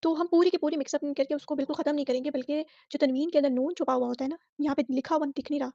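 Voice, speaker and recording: A woman with a Pakistani Urdu accent teaches Quran recitation, breaking down each letter before chanting the verse slowly. Her voice sits high and stays fairly level. The recording is dry and a little dull. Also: steady tone, mellow, no echo. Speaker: Tajweed teacher.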